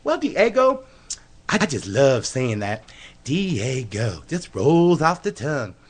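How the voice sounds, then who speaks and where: A man's voice: mid-range voice, sing-song, slow, slightly rough, full character voice. A man playing a flamboyant, flirtatious male dance instructor who gushes giddily, in a comedy radio sketch. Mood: giddy. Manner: gushing, giddy and flirtatious.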